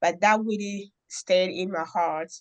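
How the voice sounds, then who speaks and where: Her voice lowish and her intonation fairly even, a middle-aged woman from the Democratic Republic of Congo recounts a story during an interview. She is a nonprofit founder and speaks in an earnest, deliberate manner, pausing often.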